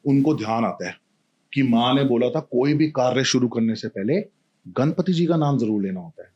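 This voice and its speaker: A man's voice: mid-range voice, moderate pace, dull audio. A man telling a mythological story casually, full of animation and voicing each character himself. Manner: animated, acts out every character.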